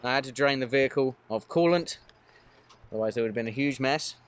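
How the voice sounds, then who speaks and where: Filming himself on a phone held at arm's length, a mobile mechanic in his thirties casually explains a repair for a work vlog, talking from his van cab and outside at a vehicle in the rain. He talks fast and smoothly at medium pitch, staying matter-of-fact and using plenty of fillers.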